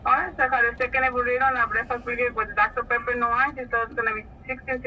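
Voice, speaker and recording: A woman taking a breakfast order over a drive-thru speaker, in brisk, routine customer-service phrasing. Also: a little high, level tone, lo-fi sound, slight background noise. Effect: heard through a drive-thru speaker. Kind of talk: quick scripted order taking.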